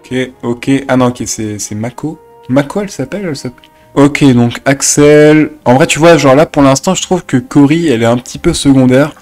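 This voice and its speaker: A man doing casual reaction commentary, excitable and jokey, laughing often. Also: medium pitch, fairly quick, soft background music. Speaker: reaction youtuber.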